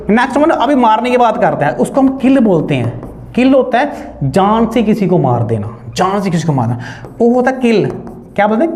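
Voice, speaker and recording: A man's voice: high voice, a little mellow. A man teaching English verbs in Hindi, asking the class to repeat verb forms again and again. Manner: drills verb forms with repeated call-and-response questions; mixes Hindi with English words. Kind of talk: online spoken-English lesson.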